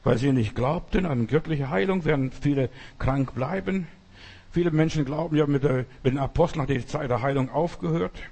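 A man's voice: on the high side, moderate pace, creaky, darkish tone, breathy edge. A man preaching an emphatic sermon and acting out the quoted voices.

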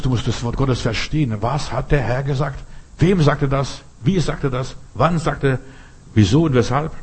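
Husky-voiced man preaching a sermon. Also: medium pitch, darkish tone. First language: not German. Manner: earnest, repetitive preaching with rhetorical questions.

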